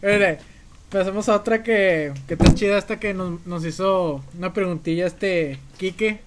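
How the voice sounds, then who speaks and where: A man's voice: sits high, normal speed, heavy background noise. A young man with a Mexican accent hosting a casual, jokey chat with friends and reading out listener questions. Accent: Mexican Spanish. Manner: slangy, jokey, laughs often.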